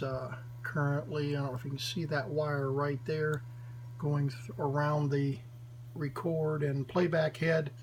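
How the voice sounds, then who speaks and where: A man talks through a hands-on demonstration in a small workshop. His voice sits slightly high and moves slowly, with deliberate, halting phrasing. A noticeable electrical hum runs under the recording. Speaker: demonstrator of a vintage wire recorder. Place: small cluttered indoor workshop. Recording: noisy, with steady electrical hum.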